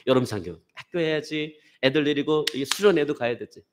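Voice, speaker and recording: A man's voice: on the high side, brisk, slight background noise. A middle-aged male pastor preaching a sermon in a church, telling a personal story and acting out his own past complaints. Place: church sanctuary.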